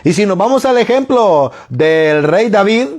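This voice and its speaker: A man preaching a sermon in a slow, emphatic way, often asking rhetorical questions and answering them himself. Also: sits high, expressive, darkish tone.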